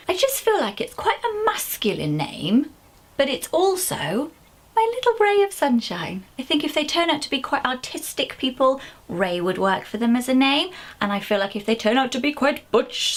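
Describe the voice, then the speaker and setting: A Welsh woman in her thirties, a parenting vlogger, chats casually to camera with lots of animation, popping into a high voice for little asides.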